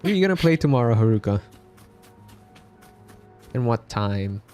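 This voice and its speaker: Over game music, a man from the Philippines talks casually with viewers as he streams a game. He sounds very animated, with a medium pitch, a darkish tone and a normal speaking speed.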